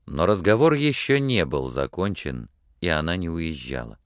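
A man reading a novel aloud in steady, scripted audiobook narration. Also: deep voice, moderate pace, no room sound, clean studio sound.

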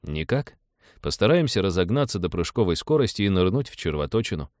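Мужчина, читающий реплики спокойного немногословного молодого пилота корабля, говорит ровно и бесстрастно. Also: male voice, sits low, brisk, no echo, studio quality. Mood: calm. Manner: flat, terse, unemotional. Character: calm laconic young male ship pilot.

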